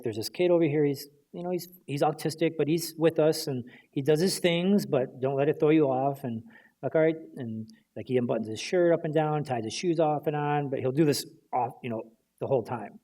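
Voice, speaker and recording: A man's voice: mid-range voice, fairly quick, dark tone. A man telling a story on stage at a library panel, acting out the quotes as he goes.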